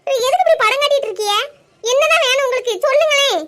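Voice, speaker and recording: A woman's voice: very high-pitched, quick pace, fairly bright tone. A woman voicing a defiant young daughter-in-law who talks back in a cartoon. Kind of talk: cartoon voice acting.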